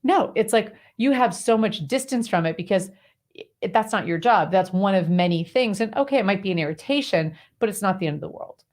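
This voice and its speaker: A woman guest giving advice in an interview conversation. She speaks as an animated, breezy storyteller and often uses fillers like "like" and "right". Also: mid-range voice, fairly quick. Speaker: clarity coach guest.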